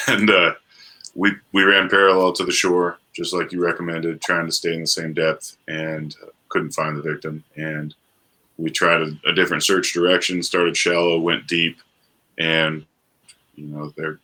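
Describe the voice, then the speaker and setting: Deep bright-toned man telling a story. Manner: chatty storyteller, easygoing. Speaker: interviewer. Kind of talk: interview questions and anecdote.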